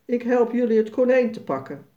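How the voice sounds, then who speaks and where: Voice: mid-range voice, lively intonation, brisk, mellow, dull audio, pitched above the performer's own voice, lightly acted. A storybook reader voicing a fussy, exclaiming middle-aged neighbor woman.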